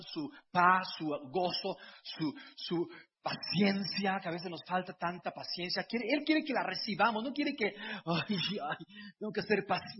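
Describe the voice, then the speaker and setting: A man's voice: sits high, slight background noise. A middle-aged man, preaching a conversational sermon with personal stories and frequent restarts. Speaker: pastor. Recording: dull lo-fi sound.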